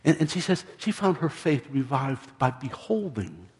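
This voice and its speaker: A man's voice: medium pitch, very animated, normal speed, a little mellow, in a large hall. A man preaching a sermon with impassioned, emphatic phrases, often repeating words. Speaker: pastor.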